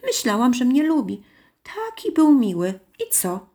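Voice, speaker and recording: A sweet little girl in hospital speaks wistfully in a high voice, as a woman reading a storybook puts her on. Her lines rise and fall with a child's feeling. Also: sing-song, measured pace, darkish tone.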